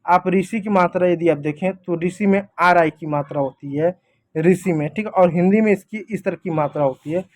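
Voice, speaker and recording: A man's voice: sits high, moderate pace, darkish tone. A man teaching a simple lesson in a casual classroom manner, explaining step by step and checking in with "thik hai" often.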